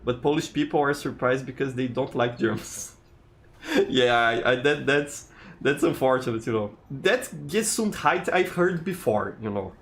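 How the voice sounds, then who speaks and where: A Brazilian game streamer with a Brazilian Portuguese accent speaks unhurriedly but animatedly at medium pitch, with a little hiss or hum in the audio. He chats casually and reads chat aloud while playing, friendly, with stammered restarts.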